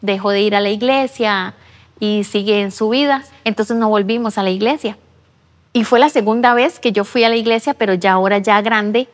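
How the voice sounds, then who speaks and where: A woman's voice: medium pitch, steady tone, normal speed. A woman, telling her personal faith testimony earnestly in an interview at a church. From Costa Rica. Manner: earnest storytelling, re-enacting her own past words. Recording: long reverb of a large room.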